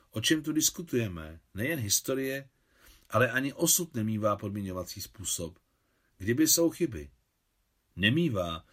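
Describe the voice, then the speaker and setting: A male narrator reading a literary short story aloud at a measured, even pace. His voice sits in a middle pitch and stays composed and steady from line to line. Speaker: audiobook narrator.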